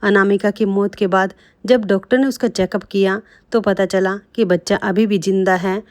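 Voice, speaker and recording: A tender elderly mother speaks softly, read by a woman in a plain storybook voice. She sounds comforting and loving, with an everyday medium pitch. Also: fairly even intonation, normal speed, dry recording, studio quality, close to an everyday voice. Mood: consoling. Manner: soft, consoling.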